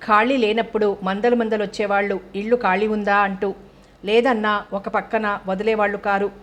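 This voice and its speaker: A woman's voice: medium pitch, flat delivery, normal speed, close to an everyday voice. A woman voicing a grumbling retired old man who is irritated with his wife.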